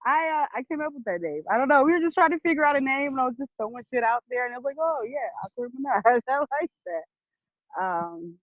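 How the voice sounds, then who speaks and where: A woman's voice: high voice, expressive, fast, dry recording. A woman guest chatting casually about her podcast, laughing often and swearing freely. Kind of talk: casual interview chat. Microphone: video or phone call. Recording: tinny phone-like line.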